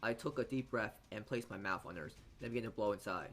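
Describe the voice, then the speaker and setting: A man with a fairly low but bright-toned voice narrates a visual novel for a let's play. He reads dramatically yet haltingly, often stumbling over words and repeating them as he starts again.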